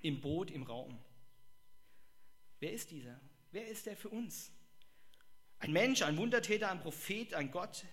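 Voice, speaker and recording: A man preaching a sermon, lively and exclamatory, acting out the voices he quotes. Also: high voice, normal speed.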